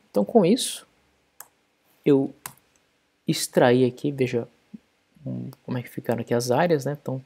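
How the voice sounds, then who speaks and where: A man's voice: mid-range voice, gravelly, dark tone, slightly rough. A man explaining code step by step in a programming tutorial screencast. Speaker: programming instructor.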